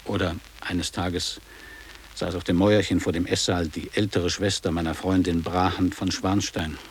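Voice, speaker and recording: A deep, flat-sounding male voice plays a reminiscing man in his fifties returning to the boarding school of his youth. He delivers literary memories at normal speed in clipped phrases for a radio play, lightly acted, with a little background noise.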